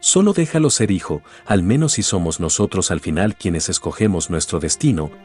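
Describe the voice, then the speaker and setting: Guy reading as a gentle old man, low voice, soft and fatherly, resigned. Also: expressive, normal speed, slightly rough, faint music behind. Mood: tender resolve. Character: gentle elderly man, calm and self-sacrificing.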